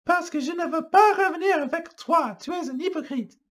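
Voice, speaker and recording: Man doing a young storybook heroine: high, shrill, indignant, exclaims a lot. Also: moderate pace. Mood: cold. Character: young woman, hurt and indignant.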